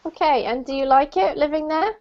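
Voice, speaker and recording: A woman's voice: high voice, brisk, dull audio. A woman teaching a live online English class, chatty and speaking straight to her students over a video call.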